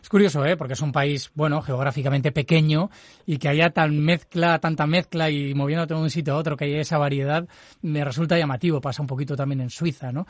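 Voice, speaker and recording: A man's voice: on the high side, steady tone, fairly quick, dry recording. A man interviewing a guest, asking questions and adding his own reflective comments.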